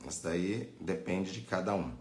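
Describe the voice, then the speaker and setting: Deep-voiced and a little slow, a Brazilian man leads an informal live-streamed religious lesson. He explains in a didactic way and keeps asking whether listeners are keeping up. Echo fills the roomy recording.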